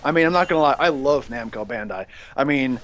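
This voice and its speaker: A young man hosting a rambling, excitable gaming rant that breaks into shouting while he plays. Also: mid-range voice, fast talker. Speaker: gaming channel host ranting.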